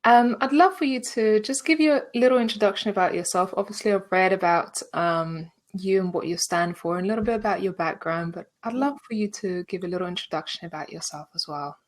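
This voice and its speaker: A woman's voice: mid-range voice, a little fast, few pauses. A woman hosting an online business workshop, reading out a guest's introduction in an upbeat, friendly way. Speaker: workshop host.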